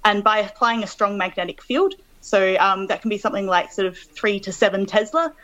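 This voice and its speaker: A woman's voice: medium pitch, fairly quick, a bit bright, highs cut off. Australian woman in her thirties, guest scientist on the line, methodical and filler-heavy. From Adelaide, Australia. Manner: explains step by step with frequent ums. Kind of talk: radio interview, explaining.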